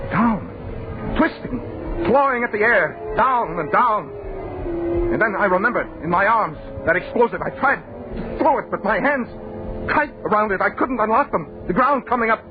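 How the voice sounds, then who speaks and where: In a noisy, muffled old-time radio horror play, an actor voices a horrified man recounting how he was flung into a deathless future. The first-person performance is high-pitched, terrified, dramatic and intense.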